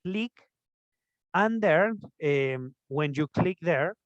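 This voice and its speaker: Slow-paced teacher drilling verbs. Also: male voice, fairly high pitch, lively intonation, dry recording. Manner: explains step by step, checks in with "¿listo?" and "¿ok?"; drills English forms slowly, then glosses them in Spanish. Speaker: English teacher. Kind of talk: bilingual grammar lesson. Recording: dull, dry lo-fi recording.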